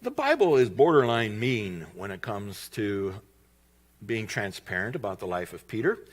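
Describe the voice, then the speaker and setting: A male pastor preaching a sermon in church, telling a story with lively delivery and acted-out quotes. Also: on the low side, normal speed. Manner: lively storytelling, acting out voices in quoted lines.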